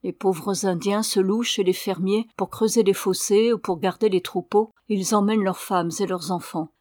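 A woman's voice: medium pitch, steady tone, normal speed, warm tone, no echo, studio quality, lightly acted. A woman reading the lines of an earnest, sorrowful young Indian man in an audiobook.

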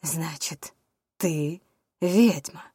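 A woman voicing a cold, menacing male villain who speaks low and slow in an audiobook. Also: dark tone, husky, no room sound, studio quality, exaggerated voice. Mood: cold menace.

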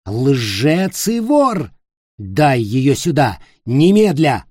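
A man voicing a cruel, arrogant tall boy lord in an audiobook, shouting and hissing in fury. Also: mid-range voice, big pitch swings, takes it slowly, slightly rough, dry recording, clean studio sound, full character voice. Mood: raging. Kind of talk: audiobook character voice.

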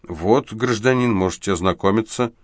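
A man voicing a guarded traveler who keeps his voice restrained and low, in an audiobook. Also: moderate pace, no echo, studio quality, natural voice. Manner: restrained, hushed. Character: guarded man under suspicion, trying to stay calm.

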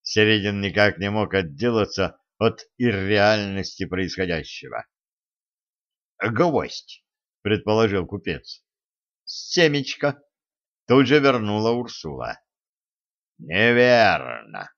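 A man narrating a fantasy story in a slow, deliberate way. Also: fairly low pitch, expressive, a bit bright. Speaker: audiobook narrator. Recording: dull lo-fi recording.

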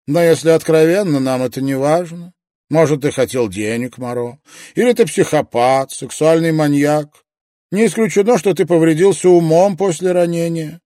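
A man voicing a calm, sarcastic male detective interrogating a suspect in an audiobook. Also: a little high, normal speed, no echo, clean studio sound, voice pushed up, close to an everyday voice. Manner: sarcastic, coolly reasoning. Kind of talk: audiobook character voice.

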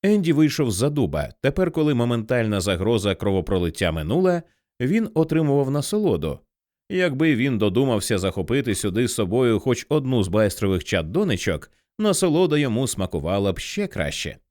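Lively male audiobook narrator. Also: medium pitch, a little fast, dry recording, clean studio sound. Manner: lively, dramatic storytelling.

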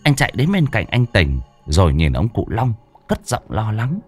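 A man narrating an audiobook in an expressive storytelling manner. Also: fairly low pitch, moderate pace, husky, soft background music.

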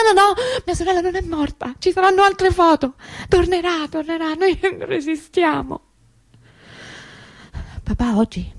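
In a theatrical radio monologue, an actress plays a grieving sister who is anguished yet stubbornly hopeful, delivering intense, emotive lines with dramatic pauses. Her voice is high and free of room sound, moving from desperate denial to a subdued tone.

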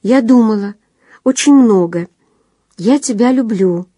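A woman's voice: on the high side, measured pace, dark tone, husky, no echo, studio quality. A woman reading the lines of an earnest, stubborn fourteen-year-old girl in love, with intense, insistent declarations. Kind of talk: audiobook dialogue reading.

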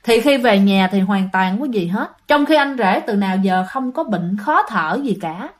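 A woman with a Southern Vietnamese accent tells a ghost story in a chatty way, speaking straight to her listeners. Her voice is medium-pitched and expressive, at a normal speed.

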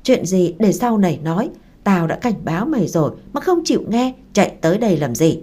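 A woman voicing a gruff, fatherly older village uncle who gives orders, with a Southern Vietnamese accent. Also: medium pitch, sing-song, a little fast, mellow. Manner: gruff, commanding.

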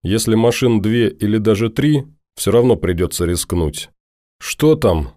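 A man reads a story aloud in a low, dark, mellow voice. His delivery is steady and even. The recording is close and dry. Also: moderate pace, no room sound. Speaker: audiobook narrator. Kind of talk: scripted narration.

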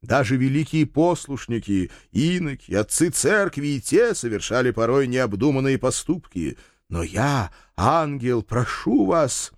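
A man reading an audiobook, voicing a meek, earnest male angel who pleads gently and solemnly. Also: mid-range voice, big pitch swings, a little slow, hardly any pauses, dry recording, clean studio sound, voice pushed up. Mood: pleading.

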